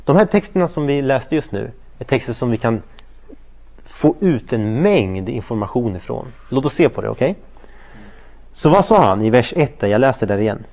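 A man teaching scripture to a small group in a conversational way. He slips into little acted voices for the people in his stories and keeps asking whether everyone is following. The recording sounds a little dull and lo-fi. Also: medium pitch. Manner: animated storytelling, acts out quoted voices, checks in with listeners often. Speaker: Bible study teacher. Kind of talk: interactive Bible study lesson.

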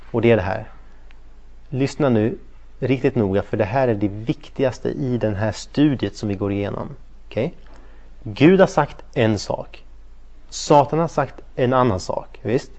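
A man's voice: mid-range voice, highs cut off. A man teaching a Bible study, telling stories with acted-out voices and often checking that his listeners follow along. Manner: animated storytelling, acts out quoted voices, checks in with listeners often. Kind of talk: interactive Bible study lesson.

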